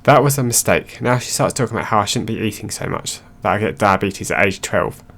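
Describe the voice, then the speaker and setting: Male narrator, lowish voice, steady read-aloud delivery of online stories. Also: a little fast, gravelly.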